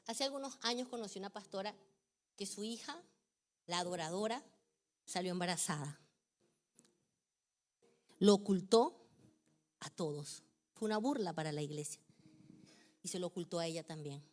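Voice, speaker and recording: A middle-aged woman pastor preaching a sermon with passion, moving from hushed phrases up to near shouting. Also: lowish voice, normal speed, long pauses.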